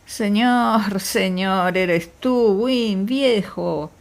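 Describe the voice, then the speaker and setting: Una mujer que lee en audiolibro a un médico rural alegre y afable, que habla con exclamaciones efusivas. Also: female voice, medium pitch, animated, a little slow. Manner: effusive, exclamatory. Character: jovial exuberant male country doctor.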